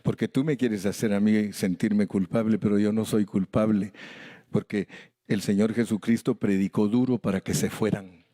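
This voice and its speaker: Older pastor preaching emphatically. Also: male voice, lowish voice, fairly even intonation, moderate pace, warm tone, no echo, clean studio sound. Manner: emphatic preaching that acts out conversations, voice leaping up for stress. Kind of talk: sermon.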